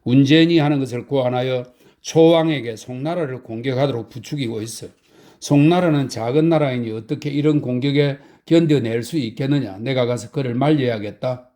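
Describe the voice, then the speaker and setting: A man reading a blunt, stern old male sage in a calm audiobook. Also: mid-range voice, brisk, close to an everyday voice. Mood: earnest. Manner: blunt, scolding.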